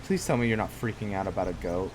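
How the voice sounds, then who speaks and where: Deep-voiced and quick, with lively intonation, this gaming YouTuber hosts a roleplay let's play, riffing in a relaxed, rambling way and addressing the game's characters. Loud game music, rain, and thunder fill the noisy background.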